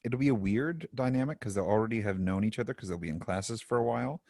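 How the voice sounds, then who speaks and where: Man with a low voice, laid-back joking podcast co-host, dry close sound. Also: fast talker, a little mellow, no echo. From Canada. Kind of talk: casual chat.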